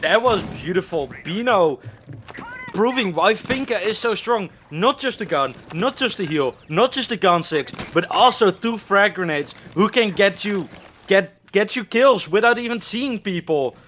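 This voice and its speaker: A woman giving excited play-by-play commentary on an esports match. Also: mid-range voice, measured pace, a little hiss or hum. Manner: excitable, speeds up on big plays.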